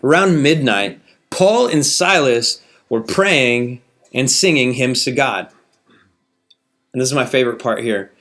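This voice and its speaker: A man delivering a sermon in a relaxed, conversational manner. His voice sits at an ordinary middle pitch. He reads scripture aloud and often checks in with his listeners through rhetorical questions. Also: measured pace. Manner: casual, conversational preaching with many rhetorical questions.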